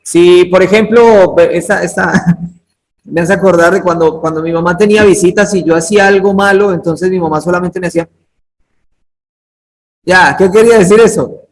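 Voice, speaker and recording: A man's voice: high voice, steady tone, brisk, rough recording. A man teaching a Bible interpretation workshop over a video call, talking conversationally and putting questions to his students by name. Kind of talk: interactive online class lecture.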